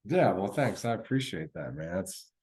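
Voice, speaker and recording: A man's voice: deep voice, sing-song, moderate pace, a little mellow. A man co-hosting a podcast in casual chat, laid-back and rambling with many fillers. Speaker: podcast co-host.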